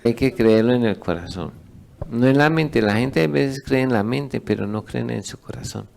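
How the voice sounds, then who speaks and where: Gravelly pastor preaching. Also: male voice, medium pitch, normal speed, darkish tone. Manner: asks the congregation questions and lets them answer. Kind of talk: sermon teaching.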